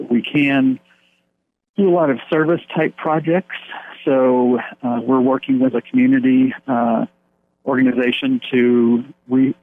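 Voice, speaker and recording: On a tinny phone line with a bit of hiss or hum, an American pastor who leads an English-speaking church abroad gives an interview. A native English speaker with a medium-pitched voice, he talks earnestly but rambles, using many fillers and restarts.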